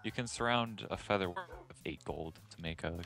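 Laid-back, low-voiced gamer. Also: male voice, moderate pace, a bit bright, faint music behind. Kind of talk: casual multiplayer gaming chat.

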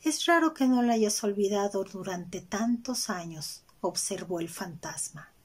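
Husky woman reading a story aloud. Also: medium pitch, a little slow. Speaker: volunteer reader. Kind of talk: audiobook narration.

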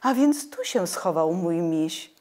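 A woman's voice: lowish voice, animated, slow pace, a little mellow. A woman reading the lines of a dreamy, thoughtful young boy in a storybook, in a wondering, musing tone.

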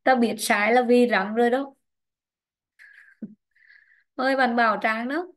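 Higher-voiced woman teaching an online class. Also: steady tone, measured pace. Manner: patient, quizzing and prompting students by name. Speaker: English teacher. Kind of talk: online class, questioning students and explaining grammar rules.

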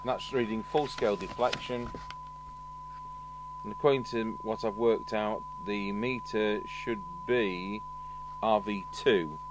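With a lowish voice and a slow pace, a British radio repair host walks through hands-on workbench repairs in dry, understated steps. The indoor electronics setting brings a steady electrical hum and noise into the recording.

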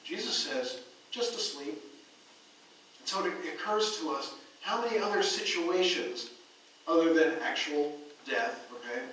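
An American man preaching a sermon as pastor, telling stories and moving between loud emphasis and quiet asides. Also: on the high side, a little hiss or hum. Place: church sanctuary. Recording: echoey church hall from far off.

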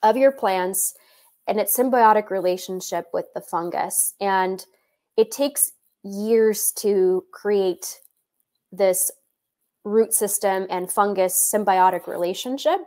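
A woman joins a casual podcast from home on a video call. Her voice is mid-pitched and plain. She explains at some length, pausing with hesitant fillers. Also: warm tone. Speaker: podcast guest. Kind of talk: casual chat.

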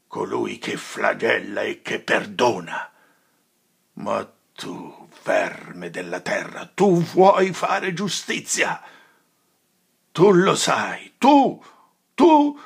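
A man's voice: low-pitched, vocal fry, bright, forceful tone, husky, full character voice. A man voicing a severe old friar in an audiobook, solemn and admonishing. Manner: solemn, admonishing, with thundering outbursts.

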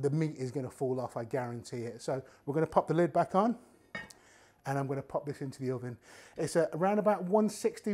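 A cooking show host, a man whose voice sits a little high for a man, gives a casual demonstration to camera in a home kitchen. He chats easily and relaxed, talking straight to viewers while chopping and grating with his hands.

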